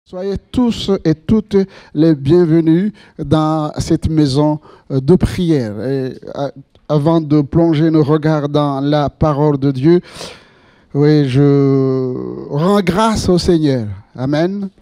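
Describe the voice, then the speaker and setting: A man's voice: on the high side, takes it slowly, mellow, dry recording, studio quality. A man from Rwanda, preaching a sermon as pastor and putting rhetorical questions to the congregation.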